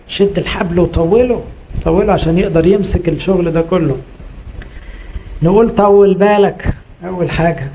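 A man's voice: fairly high pitch, dark tone, slight background noise, poor audio. A middle-aged man with an Egyptian accent, a priest preaching a sermon, exhorting the listeners with repetition and rhetorical questions.

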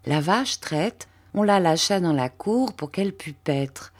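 A woman narrating a classic French novel as an audiobook, in a measured storytelling manner. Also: on the low side, lively intonation, slightly rough. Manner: measured storytelling, lifting her voice for quoted characters. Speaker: audiobook reader.

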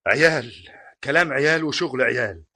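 A husky, grave Egyptian father. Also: medium pitch, fairly quick, pushed and bright, heavily acted. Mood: bitter. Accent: Egyptian Arabic. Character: older father Abd el-Salam, weary and grave. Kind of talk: Egyptian radio drama acting.

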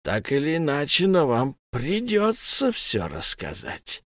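Pushing his voice up into an exaggerated, fairly high and bright register with huge pitch swings, a man performs a lisping humanoid alien interrogator in an audiobook. The character is smug and menacing, questioning with mocking condescension at a slightly slow pace, in studio-quality sound with no room tone.

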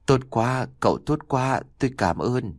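A man's voice: mid-range voice, lively intonation, measured pace, dry recording, clean studio sound, lightly acted. A man voicing a frail elderly beggar woman who pleads thinly for food. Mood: pleading.

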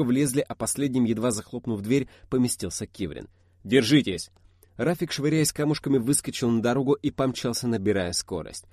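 A low-voiced man narrates an action-packed audiobook. His read is dry and close to the mic, and he punches out the shouted dialogue with sharp jumps in pitch and loudness. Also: no echo. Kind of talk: scripted narration.

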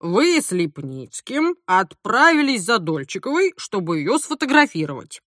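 A woman's voice: medium pitch, sing-song, unhurried, fairly bright tone, no room sound, clean studio sound. A weary stern police major, as a woman reads him. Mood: stern official. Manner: gruff, official, sighing.

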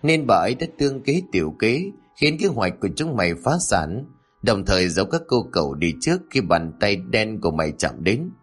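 A man's voice: fairly low pitch, sing-song, brisk, husky, soft background music. A man voicing a cold, accusing masked woman who confronts the wrongdoers in a horror story.

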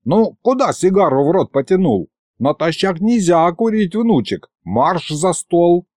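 A folksy old grandfather grumbles and fusses in a warm, mellow voice, as a male narrator plays him. The storybook elder sounds close and dry. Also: sits high, big pitch swings, measured pace, dry recording, pitched above the performer's own voice. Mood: grumbling.

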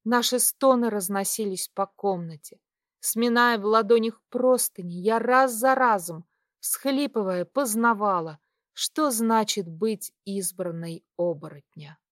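A woman reading a first-person romance novel aloud in a soft, intimate way. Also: mid-range voice, a little slow, dry recording, studio quality. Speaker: audiobook narrator.

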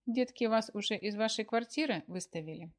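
A woman's voice: medium pitch, a little fast, voice pushed up, natural voice. A woman voicing a sly, teasing older market woman in a read-aloud story.

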